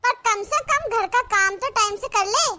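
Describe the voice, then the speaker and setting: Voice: very high-pitched, moderate pace, bright, forceful tone, exaggerated voice. A voice actor playing a sarcastic, complaining village mother-in-law in a cartoon. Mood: scolding. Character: nagging scolding village mother-in-law, middle-aged woman. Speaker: cartoon character. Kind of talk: cartoon voice acting.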